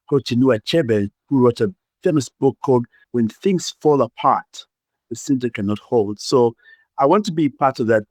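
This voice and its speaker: A man's voice: medium pitch, darkish tone, dry recording, clean studio sound. A middle-aged man from Uganda with a Ugandan accent, a playful, expansive guest in an interview who laughs often. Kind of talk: podcast interview.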